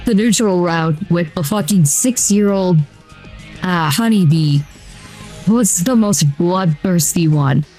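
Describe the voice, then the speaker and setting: Speaking slowly in a mid-range voice, this streamer uses a voice changer and talks loosely over a video game, dropping lots of "uh" and "like" fillers in a relaxed, rambling way. Soft music plays behind, and the recording quality is low.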